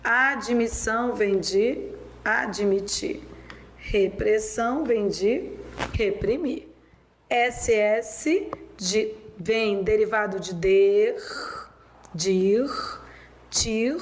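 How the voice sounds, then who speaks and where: Woman, Brazilian accent, spelling teacher, very slow dictation, slight background hiss. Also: medium pitch, rough recording. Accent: Brazilian Portuguese. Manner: slow, drawn-out dictation of words. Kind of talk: spelling lesson.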